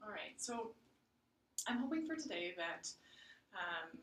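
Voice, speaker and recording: A woman counselor in a practice session, gently summarizing and reflecting back with many hesitant ums. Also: medium pitch, very animated, a little slow. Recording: roomy, distant mic, faint hiss.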